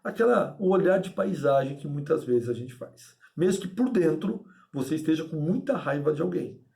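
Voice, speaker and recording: A man giving a lecture to his class, lively and emphatic, often asking his listeners if they agree. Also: fairly high pitch, moderate pace, vocal fry. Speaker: instructor.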